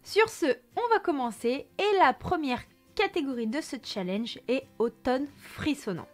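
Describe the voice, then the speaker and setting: High-voiced chatty woman. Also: animated, measured pace, faint music behind. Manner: chatty, enthusiastic, frequent fillers. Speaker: book vlogger. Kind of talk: casual book haul presentation.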